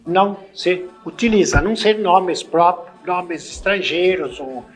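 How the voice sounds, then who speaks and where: A man's voice: sits high, unhurried, soft background music. A man from Brazil with a Brazilian Portuguese accent, giving a spoken language lesson. He spells out letters and sounds one by one and often adds tag questions. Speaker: language teacher.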